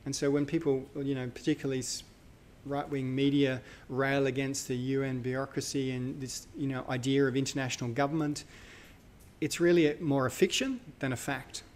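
A university lecturer talks through a live lecture in a relaxed, think-aloud style, with plenty of fillers and self-corrections. His pitch is medium, his intonation fairly even, and his speed normal.

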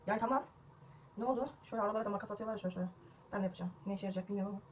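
Fast-talking chatty young woman vlogger. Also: mid-range voice, slight background noise. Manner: chatty, self-mocking, swearing, excitable. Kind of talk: casual home haircut vlog. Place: at home indoors.

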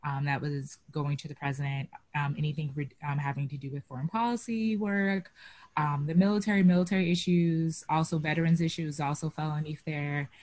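A woman's voice: low voice, steady tone, brisk, a little mellow, no room sound. A young woman from Boston, a guest on a video call interview, talking casually with lots of "um" and "like". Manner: chatty, many fillers like "um" and "like". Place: small room at home. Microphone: video call webcam.

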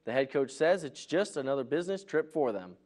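Male sports news reporter and anchor, voice a little high, scripted TV highlight delivery. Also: lively intonation, brisk, a little mellow.

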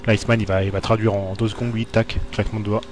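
A man's voice: fairly low pitch, flat delivery, fast, a little hiss or hum. A man playing a horror video game and commenting live for viewers, jumpy and talking to the screen. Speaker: let's play gamer.

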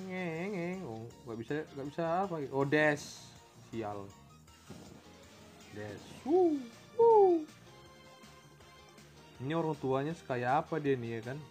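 A man's voice: mid-range voice, measured pace, soft background music. A man from Indonesia doing playful let's-play game commentary, making engine noises and mixing in English words. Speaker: gamer.

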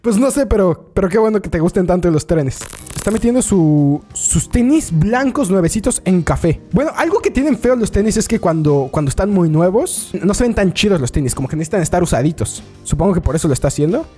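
Lively Mexican man reacting to clips. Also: high voice, soft background music. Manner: animated, laughing often, quick exclamations. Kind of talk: casual reaction commentary. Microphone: desk microphone.

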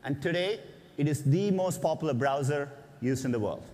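A man in his forties giving a keynote on a large conference stage through a headset mic, speaking in a measured, earnest way with a few "uh" fillers. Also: on the high side, animated, darkish tone. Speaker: keynote presenter. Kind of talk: keynote speech. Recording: long hall reverb.

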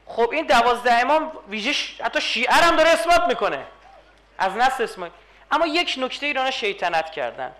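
Male lecturer, very high and bright voice, emphatic and rhetorical, working a live audience.

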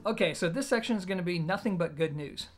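Over loud music, a high-voiced man talks fast as he reviews a product to camera. He is an audio gear reviewer and host, sounding conversational, emphatic, informal and explanatory in a small indoor room with a plain wall.

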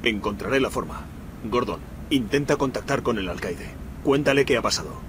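A man's voice: medium pitch, expressive, moderate pace, noisy background, close to an everyday voice. An actor voicing a brooding masked male hero in a video game dub, speaking in a bold, firm, commanding heroic voice. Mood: grim, resolute.

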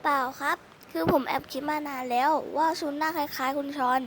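A woman's voice: high-pitched, steady tone, fairly quick, slight background noise, natural voice. A woman voicing a polite young student, a girl passing as a boy, in a one-person voice drama, courteous and eager to help.

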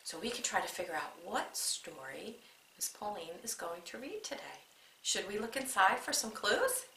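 A young woman leading a children's story time, speaking slowly and encouragingly in a sing-song way, as if to small children. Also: mid-range voice, very animated, pushed and bright, slight background noise. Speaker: children's librarian. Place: library room. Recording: echoey room.

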